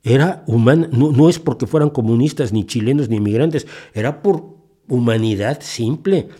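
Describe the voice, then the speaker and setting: A man's voice: mid-range voice, normal speed, warm tone, slightly rough. A man in his sixties from Mexico, hosting a podcast and delivering an indignant, impassioned opinion monologue with frequent restarts. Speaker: podcast host.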